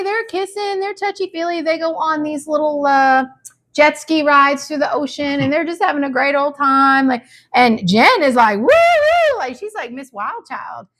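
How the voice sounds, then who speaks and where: A high-voiced woman chats casually as she recaps a reality show. She talks animatedly and slips into quick impressions of the people she describes. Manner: animated, mimics people in quotes, frequent "like". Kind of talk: casual chat.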